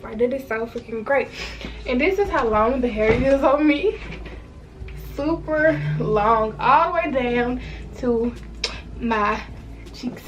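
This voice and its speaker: High-voiced chatty woman, congested. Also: muffled recording. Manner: chatty, talks straight to viewers. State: congested from a cold. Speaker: hair vlogger. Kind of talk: casual hair review vlog. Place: at home, washing machine running nearby.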